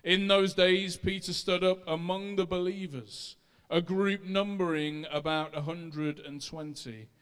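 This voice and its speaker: A man's voice: on the high side, a bit bright, clean tone. A man of about forty with a Leicester accent, a pastor preaching and reading scripture to his congregation. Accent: Leicester, English East Midlands. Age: 40, about to turn 41. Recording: long hall reverb.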